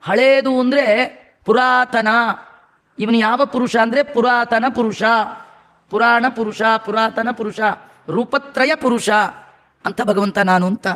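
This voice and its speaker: A man with a strikingly high voice delivers a devotional sermon. He chants scriptural verses, then explains them with homely everyday examples. He keeps asking the audience questions and answering them himself. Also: fairly even intonation, takes it slowly, long pauses, a bit bright. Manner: homely examples, conversational asides to listeners. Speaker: religious scholar giving a discourse.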